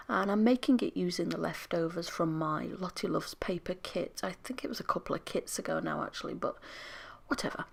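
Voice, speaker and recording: A British woman, unwell and losing her voice, narrating a crafting video voiceover very close to the microphone in a soft, half-whispered, apologetic ramble. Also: on the low side, creaky, slightly rough. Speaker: scrapbooking channel host.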